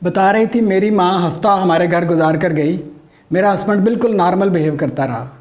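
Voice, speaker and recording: Dry jokes from a stand-up comedy monologue come from a man with a high-pitched voice who talks a little fast. The audience laughs along, and the recording is noisy.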